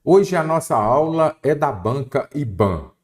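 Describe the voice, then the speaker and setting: A man's voice: a little high, sing-song, unhurried. A Brazilian man teaching a Portuguese exam-prep lesson, explaining step by step and asking the viewer questions. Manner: didactic, asks the viewer questions.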